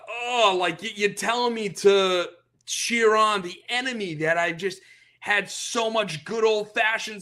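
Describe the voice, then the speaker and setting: A man hosting a sports podcast, ranting as an opinionated fan in a casual, animated way. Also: sits high.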